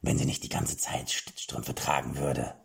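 A man voicing a deranged old male king in an audiobook, with a high, shrill, old-sounding voice that drops into manic whispers. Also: little pitch movement, moderate pace, heavily acted. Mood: deranged glee. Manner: manic, sing-song, sudden whispers and shrieks. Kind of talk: audiobook character voice. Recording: clear background music.

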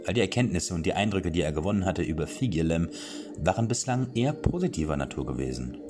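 A man narrating a fantasy audiobook with expressive storytelling and small self-corrections. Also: deep voice, quick pace. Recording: clear background music.

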